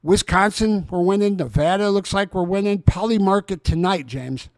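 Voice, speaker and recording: A man's voice: sits high, normal speed, no echo. A man of sixty hosting a casual, rambling chat with a guest. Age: 60s. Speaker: host.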